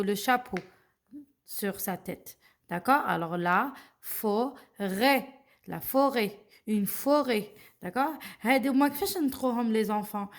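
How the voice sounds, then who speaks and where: A young woman with an Algerian accent teaching children to read, spelling words out slowly and carefully and checking in with them often. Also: fairly high pitch. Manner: slow, carefully spelled-out pronunciation with friendly check-ins. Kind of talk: children's reading lesson.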